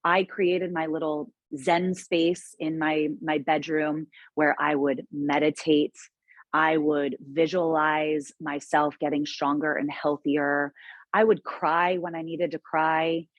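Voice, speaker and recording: A woman's voice: low voice, flat delivery, slow pace, no room sound, dull audio. A woman guest in a casual interview, speaking earnestly and reflectively with frequent restarts.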